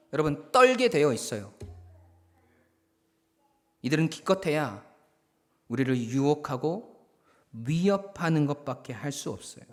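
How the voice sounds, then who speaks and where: A male senior pastor preaching a Sunday sermon in a church, telling stories and addressing the congregation directly. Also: mid-range voice. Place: church sanctuary.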